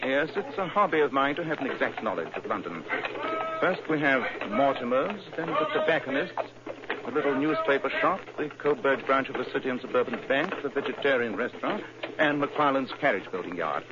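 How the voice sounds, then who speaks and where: An actor playing Sherlock Holmes, a sharp, cool detective, in an old radio drama, with crisp, probing questions and thoughtful hums. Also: male voice, medium pitch, lively intonation, fairly quick, natural voice. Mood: brisk. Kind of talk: 1940s radio acting. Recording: muffled old radio broadcast with hiss.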